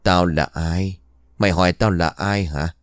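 A man voicing a vengeful male ghost with a raspy, threatening voice in an audio ghost story. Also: low voice, fairly even intonation, a little slow, dry recording. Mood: furious. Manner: threatening, shouting.

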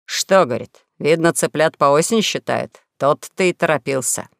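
A woman lowers her voice into a sly con-man duke with a sneering, sardonic edge. He needles and mocks, a storybook rogue heard close and dry. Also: normal speed, gravelly, no room sound. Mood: mocking. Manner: mocking, sardonic.

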